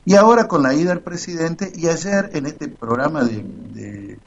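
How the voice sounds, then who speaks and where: Argentine man, radio host, breathy voice, lo-fi sound, storyteller. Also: on the high side, normal speed. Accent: Argentine Spanish. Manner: storytelling, quoting others animatedly. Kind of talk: casual radio commentary. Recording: muffled lo-fi sound.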